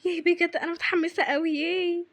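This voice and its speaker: A woman voicing an excitable young woman, a dutiful daughter, speaking with an Egyptian accent. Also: very high-pitched, fast, no echo. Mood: excited. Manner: bubbly, excitable.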